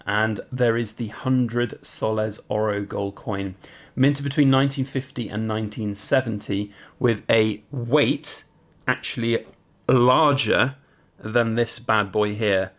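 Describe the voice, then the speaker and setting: A man's voice: on the low side, fairly even intonation, slow pace, a bit bright. A British man talking casually and informally as an enthusiast hosting his own collecting vlog. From United Kingdom. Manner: chatty, conversational, informal. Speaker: coin collector and video host.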